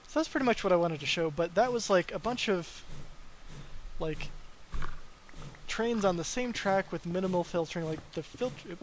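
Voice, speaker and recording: Casting: young male dev streamer, slightly high voice, loose and rambling, light hiss behind. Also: animated, moderate pace, long pauses, low-quality recording. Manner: rambling, filler-heavy, tired. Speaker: mod developer streamer. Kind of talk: casual live stream chat.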